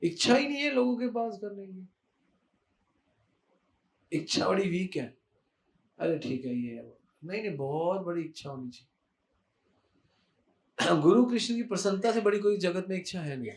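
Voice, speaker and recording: High-voiced Indian man giving an animated sermon. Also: normal speed, long pauses, echoey room. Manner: animated, emphatic, repeats key words, mixes in English. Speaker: spiritual speaker. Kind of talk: devotional talk.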